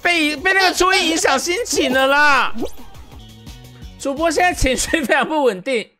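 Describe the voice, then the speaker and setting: A woman streamer giving live gameplay commentary with explosive, swearing, shouted outbursts. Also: sits high, normal speed. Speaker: game streamer. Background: game music.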